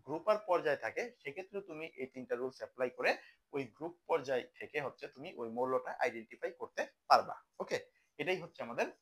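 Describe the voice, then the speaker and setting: A young man teaching a chemistry lesson in a casual style, often asking a question and then answering it himself. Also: medium pitch. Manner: conversational, asks questions and answers them himself. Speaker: chemistry tutor.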